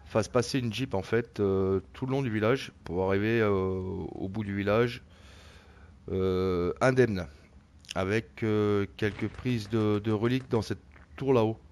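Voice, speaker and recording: A man with a fairly low, slightly mellow and smooth voice narrates a gameplay tutorial, casually guiding viewers through an online shooter. He sounds hesitant, with lots of fillers and repeated words.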